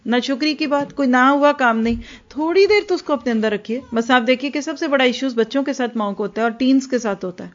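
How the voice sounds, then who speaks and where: A woman's voice: high-pitched, few pauses. A woman giving an earnest religious lecture, acting out little scenes between mothers and children. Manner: earnest, acts out mothers and children in quoted asides. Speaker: religious teacher. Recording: dull lo-fi recording.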